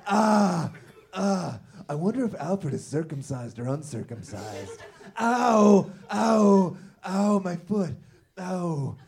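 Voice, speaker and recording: A man's voice: high voice, sing-song, takes it slowly, vocal fry, a little mellow, full character voice. A man playing a whiny, self-pitying superhero in pain, wailing melodramatically in a comedy script reading. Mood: pained whining. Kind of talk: comedy script read-through.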